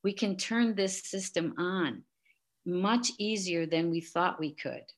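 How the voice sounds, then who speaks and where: A middle-aged woman in a casual interview, gently explaining and guiding a calming exercise. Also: on the low side, slow. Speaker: guest expert.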